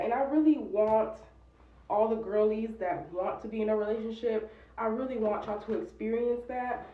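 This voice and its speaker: A woman's voice: medium pitch, recorded from a distance. A woman in her twenties telling a personal story in candid, casual chat, full of "like" fillers. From United States. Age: 20s. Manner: candid, chatty, many "like" fillers. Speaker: vlogger. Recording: roomy dull sound from off-mic.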